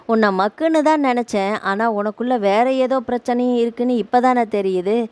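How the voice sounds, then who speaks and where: A woman's voice: on the high side, moderate pace, darkish tone, clear, resonant tone, dry recording, natural voice. A woman voicing a domineering older mother-in-law who scolds and commands in a harsh, nagging way. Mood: scolding.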